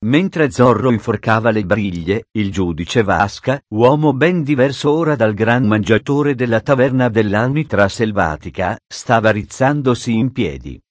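A man reading a storybook aloud in steady, measured narration. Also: on the low side, no echo.

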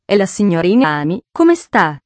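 In a storybook reading, a woman gives voice to a shy, gentle young suitor who talks with earnest, formal politeness. The delivery stays close and dry, with no room sound around it. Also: mid-range voice, big pitch swings, normal speed, no echo, lightly acted. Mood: earnest pleading.

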